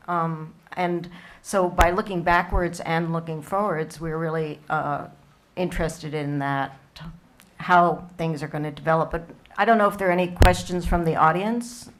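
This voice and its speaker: A woman moderating a museum panel discussion, hurried and thinking aloud. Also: on the low side, poor audio. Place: museum event room.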